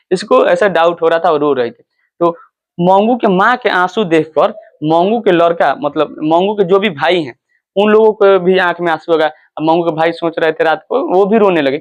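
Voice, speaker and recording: High-voiced man teaching a lesson. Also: dull audio. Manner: repetitive, quizzes listeners and answers himself. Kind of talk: explaining a school story.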